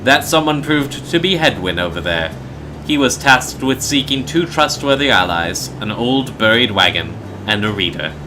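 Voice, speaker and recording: A man reading a video game's dialogue as a learned mentor, formal, rhetorical, measured and persuasive. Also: medium pitch, expressive, noisy background, natural voice. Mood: earnest, explanatory.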